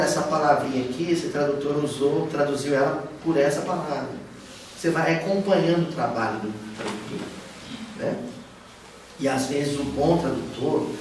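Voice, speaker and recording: A man's voice: on the high side, slight background noise. A man teaching a study group, talking casually and asking his listeners questions. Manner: animated, asks listeners often. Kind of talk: informal teaching talk. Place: study room of a spiritist center. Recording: echoey room from far off.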